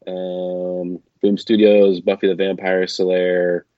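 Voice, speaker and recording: Speaking slowly with little pitch movement, a low-pitched podcast host chats casually while away at a conference, using a makeshift travel setup. He's easygoing, chatty and prone to fillers and restarts. The dull, dry lo-fi recording gives his voice a slightly robotic, metallic edge.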